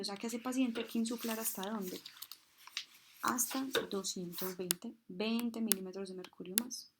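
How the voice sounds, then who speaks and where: A woman instructor explains a medical procedure, imitating heartbeat sounds and asking questions that she then answers herself. Her voice is mid-range, with a little hiss or hum in the recording.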